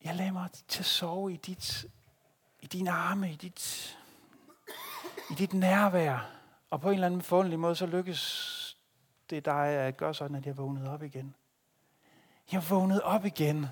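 An anguished warrior-king on the run, crying out to God in fervent, pleading prayer, as a preacher gives him voice. The voice sits fairly high and swells loud with emotion. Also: fairly even intonation, long pauses, slightly rough. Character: anguished fleeing warrior-king praying aloud.

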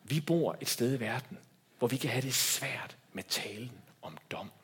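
A man preaching a sermon as a pastor, swinging between loud emphatic lines and hushed quiet ones. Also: medium pitch, slightly rough.

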